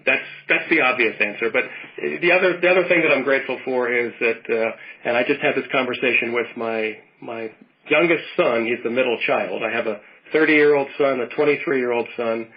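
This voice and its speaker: A man's voice: medium pitch, fairly quick. Rambling man in his fifties on a lo-fi line. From Western Pennsylvania. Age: 50s. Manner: rambling, warm storytelling with many restarts. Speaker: podcast co-host. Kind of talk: casual chat.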